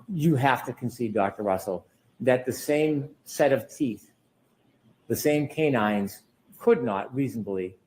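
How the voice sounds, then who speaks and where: A man's voice: medium pitch, warm tone, rough recording. A man cross-examining a witness in a courtroom as a lawyer, pressing and sceptical, often ending statements with pointed tag questions.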